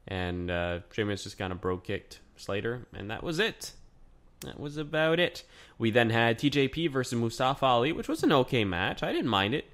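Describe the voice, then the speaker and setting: A man hosting a podcast, talking through a casual solo review in a chatty, excitable way with lots of fillers. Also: lowish voice. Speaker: podcast host.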